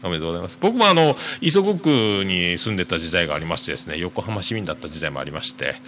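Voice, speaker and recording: A man hosting a podcast, reading listener mail aloud and chatting casually in a rambling, hesitant way full of drawn-out fillers. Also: low-pitched, big pitch swings, pushed and bright, slight background noise. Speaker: podcast host.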